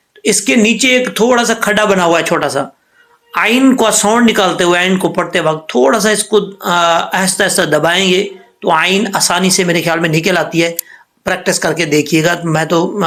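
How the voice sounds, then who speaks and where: A man teaching Quran reading in a patient lesson, spelling out syllables slowly and checking often that the learner follows. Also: sits high, fairly bright tone. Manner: patient, repeats each syllable slowly and asks "ٹھیک ہے؟" often. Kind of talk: recitation lesson.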